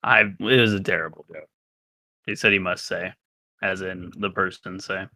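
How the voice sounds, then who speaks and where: A man joking around in a gaming voice chat, self-mocking and quick to laugh. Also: low voice, fairly even intonation, pushed and bright, dry recording. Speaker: gamer in group voice chat. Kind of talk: casual gaming banter.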